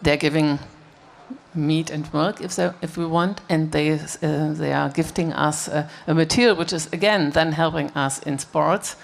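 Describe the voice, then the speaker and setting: A panelist talking in a halting way, with fillers, on a stage panel. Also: male voice, fairly high pitch, fairly even intonation, gravelly. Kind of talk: panel discussion.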